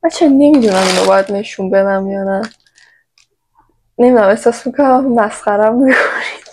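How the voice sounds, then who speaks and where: A woman's voice: medium pitch, a little mellow, a little hiss or hum, rough recording. A woman from Iran chatting playfully to her viewers in a casual shopping haul vlog, recorded on her own microphone. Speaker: vlogger.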